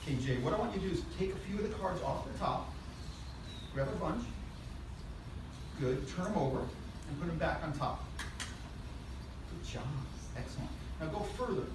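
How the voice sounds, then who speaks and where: A man's voice: a little high, lively intonation, fairly quick, pauses often. A man performing as a kids' party magician, playfully coaxing and instructing a young volunteer with show patter. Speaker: stage magician. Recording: very echoey, noisy room, distant mic.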